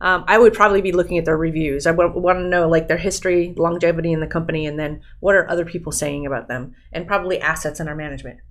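A woman with a slightly low voice chats casually on a podcast. She sounds enthusiastic and quick to laugh. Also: fairly even intonation. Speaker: podcast co-host. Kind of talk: casual chat.

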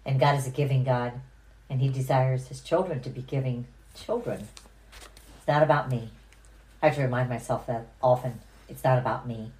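Very deep-voiced calm woman podcaster. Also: normal speed, low-quality recording. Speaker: podcast co-host. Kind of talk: casual faith-based conversation.

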